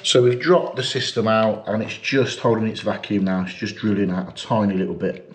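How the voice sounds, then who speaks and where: A man's voice: lowish voice, fairly even intonation, a little fast. A man, a plumber chatting and explaining as he works, a little self-mocking. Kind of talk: work vlog narration. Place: living room in a house, indoors.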